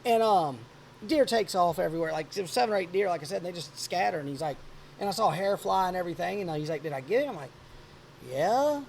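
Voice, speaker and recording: A man around forty hosting a podcast, telling a hunting story in a rambling, animated way. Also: high-pitched, fast, gravelly, slight background noise. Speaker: podcast host. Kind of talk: casual chat.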